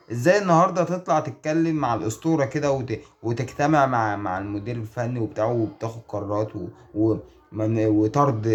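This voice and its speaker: A man's voice: medium pitch, darkish tone. A man with an Egyptian accent giving casual video commentary, exasperated and pleading, firing off rhetorical questions. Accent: Egyptian Arabic. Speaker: online sports commentator.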